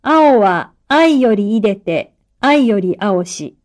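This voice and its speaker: A woman reading pronunciation drills for language learners, enunciating each syllable clearly. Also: mid-range voice, animated, slow pace, darkish tone. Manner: clear, careful enunciation of single syllables and words. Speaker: pronunciation model speaker.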